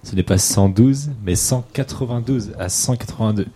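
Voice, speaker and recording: A man co-hosting a casual radio show, friendly and quick to set the facts straight. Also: medium pitch, mellow, husky. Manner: friendly, quick to correct details. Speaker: radio co-host.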